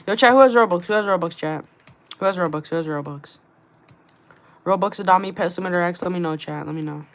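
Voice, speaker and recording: A fast-talking young streamer with a mid-range voice chats loosely with his viewers about trading in games. His bro-style slang leans on short phrases he repeats constantly.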